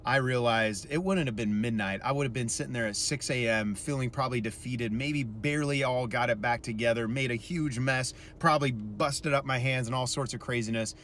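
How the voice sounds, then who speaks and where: Guy in his 30s vlogging, chatty and self-mocking, mid-pitch voice, faint hiss behind him. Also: a little fast, hardly any pauses. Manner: self-deprecating, chatty, animated when quoting others. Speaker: musician vlogger. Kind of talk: casual storytelling vlog.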